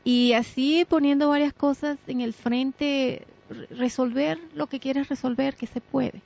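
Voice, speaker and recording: Lady co-hosting radio, earnest, kinda high voice, muffled sound. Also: fairly even intonation, unhurried, creaky, a little mellow. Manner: earnest, emphatic, laughs often. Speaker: radio co-host. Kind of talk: casual radio chat.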